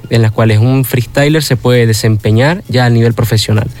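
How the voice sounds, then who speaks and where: A young Venezuelan freestyle rapper who also teaches workshops answers interview questions earnestly, explaining things in a Venezuelan Spanish accent. His mid-range voice is fairly quick and a little mellow, with soft music playing in the background.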